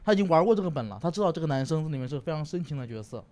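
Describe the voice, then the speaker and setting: A man's voice: a little high, animated, rapid-fire, a little mellow. A young man chatting on a comedy talk show, telling stories animatedly and acting out quoted lines. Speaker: comedian panelist. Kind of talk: casual chat.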